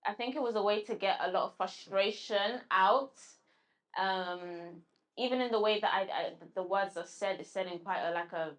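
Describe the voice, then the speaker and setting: A London woman appears as a guest poet, performing spoken word and then answering interview questions. Her voice sits at mid pitch, and when she responds she halts, searches for words and often stops to start over.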